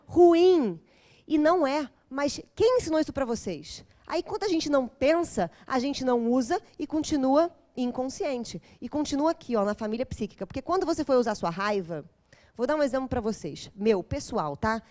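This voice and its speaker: A woman's voice: sits high, lively intonation, normal speed, mellow. A woman giving an intense, dramatic talk at a parents' course, quizzing her audience as she goes. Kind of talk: lecture to a live group.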